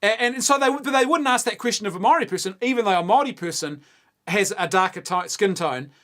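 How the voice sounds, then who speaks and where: A man's voice: sits high, animated, brisk, fairly bright tone. A man, co-hosting a casual debate, arguing his point earnestly and insistently, with stumbling restarts. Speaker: co-host.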